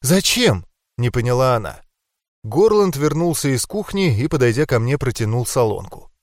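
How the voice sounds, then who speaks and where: A man's voice: medium pitch, very animated, moderate pace, a little mellow, no echo. Man reading an audiobook, dry sound. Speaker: audiobook narrator. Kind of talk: first-person audiobook narration.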